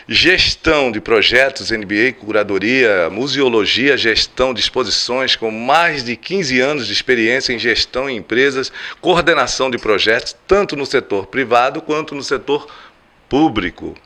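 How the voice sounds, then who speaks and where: Bright-voiced man hosting an interview. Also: medium pitch. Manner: measured, reads lists in short phrases. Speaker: interview host. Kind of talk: reading a guest introduction, then asking questions.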